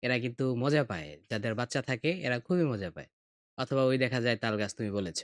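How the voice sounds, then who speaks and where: A middle-aged man with a Bangladeshi Bengali accent, teaching poetry meter on a podcast in a slow, patient way and reciting verses with feeling. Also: mid-range voice, dry recording, studio quality. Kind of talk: explanatory lesson podcast.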